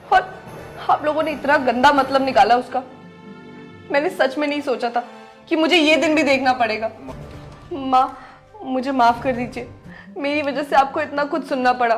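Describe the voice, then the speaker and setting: High-voiced woman as a wounded young wife, reproachful, faint music behind. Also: fairly even intonation, normal speed, long pauses, lightly acted. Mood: sorrowful. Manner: hurt, reproachful, emotional. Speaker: wife in a family skit. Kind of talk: scripted family drama skit.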